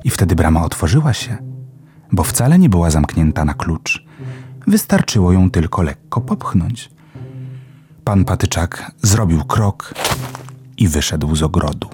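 A man calmly reading a children's story aloud, with soft music behind. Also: low voice. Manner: calm, unhurried storytelling. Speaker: narrator.

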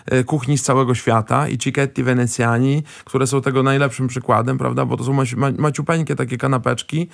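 A man chatting as a guest expert in a rambling way, often pausing with fillers and tagging questions onto his sentences. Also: medium pitch, little pitch movement, creaky, dry recording, studio quality. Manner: frequent hesitant fillers and restarts. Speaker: guest expert on Italian food. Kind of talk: casual chat.

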